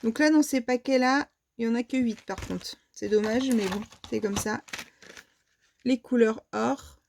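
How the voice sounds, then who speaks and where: A French vlogger presents her haul casually, hesitating with many fillers and restarts. Her voice is fairly high and darkish with vocal fry at a measured pace, and a little hiss or hum sits in the background.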